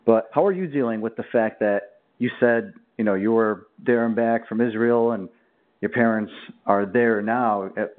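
A man's voice: fairly low pitch, moderate pace. A man hosting a podcast, interviewing a caller in a friendly, loose, chatty way. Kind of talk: casual interview. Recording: tinny phone line.

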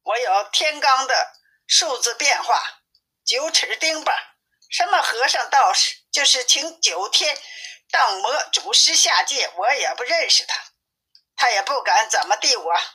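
A woman's voice: high voice, lively intonation, a little slow, sharp tone, breathy edge, voice pushed up, exaggerated voice, rough recording. A woman voicing a boastful pig monster. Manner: brash, boastful, dismissive. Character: boastful pig-headed male monster, gruff and blunt.

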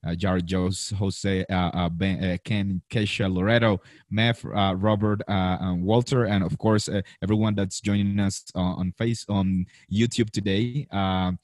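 A man's voice: deep voice, steady tone, a little slow, hardly any pauses, a little mellow, no room sound, studio quality. A man in his thirties hosting a live interview over a video call, chatty and full of fillers and restarts. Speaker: host.

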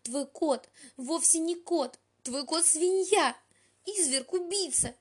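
A woman's voice: high voice, expressive, normal speed, warm tone, pitched above the performer's own voice. A woman voicing a distraught little girl who wails and shrieks accusations. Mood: shrieking.

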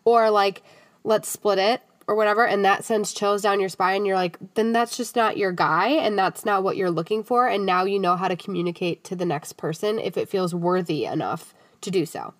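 A woman's voice: mid-range voice, a little fast, few pauses, no room sound. A woman hosting a podcast in casual conversation, affirming her guest and asking questions. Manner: affirming, chatty, asks questions. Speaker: podcast host.

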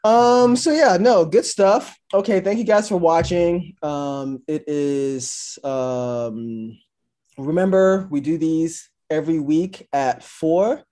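A man's voice: a little high, slow, warm tone. A young man co-hosting a podcast in casual chat, laid-back and rambling with lots of fillers. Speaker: podcast co-host.

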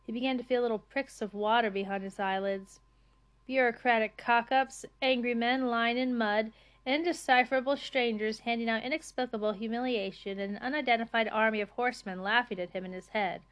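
A woman reading a comic novel aloud as narrator, with a measured, dry delivery. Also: a little high, steady tone, fairly bright tone, clean tone.

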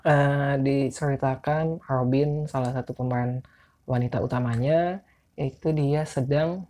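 A man's voice: medium pitch, fairly even intonation, measured pace, warm tone. A man with a Jakarta Indonesian accent and a speech impediment on his r's, hosting a casual solo podcast in an informal, rambling, self-deprecating way. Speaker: podcast host.

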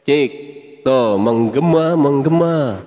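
A man's voice: mid-range voice, slow pace. A man, in casual chat, testing his mic through a big hall echo effect. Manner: relaxed, testing the mic with short calls. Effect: big hall echo from a mixer effect. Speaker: co-host demoing an audio mixer.

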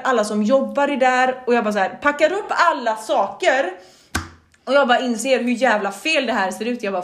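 Young woman on a podcast, kinda high voice, swears a ton, acts out what she said. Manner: animated, swears a lot, acts out her own reactions. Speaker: podcast co-host. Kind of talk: casual chat, storytelling.

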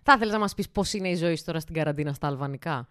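A woman's voice: deep voice, a bit bright, no room sound, clean studio sound. A young woman from Larisa, hosting a podcast in casual chat, teasing and laughing often. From Larisa, Greece. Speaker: podcast host.

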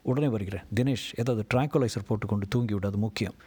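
A man's voice: on the low side, fast talker, dark tone, breathy edge. A man voicing a worried male friend who speaks urgently and with care. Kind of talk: audiobook reading of a novel.

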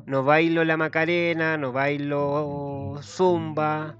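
A man's voice: on the high side, little pitch movement, slow pace, a bit bright, lo-fi sound, faint music behind. A man with a Chilean accent doing a rambling, profane, self-mocking comedy monologue. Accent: Chilean Spanish. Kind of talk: comic monologue.

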